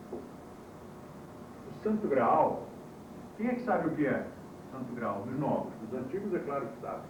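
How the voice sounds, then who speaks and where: A man's voice: mid-range voice, distant mic, noisy background. A man teaching a classroom course, telling stories in a wry way and quizzing his students, heard from an old VHS tape recording. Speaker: course instructor. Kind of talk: classroom lecture. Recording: muffled, echoey old VHS tape from afar.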